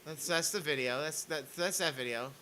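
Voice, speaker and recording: Sarcastic bright-voiced man ranting. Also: a little high, normal speed, a little hiss or hum, rough recording. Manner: sarcastic, mocking, reads posts aloud. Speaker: streamer. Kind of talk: ranting commentary stream.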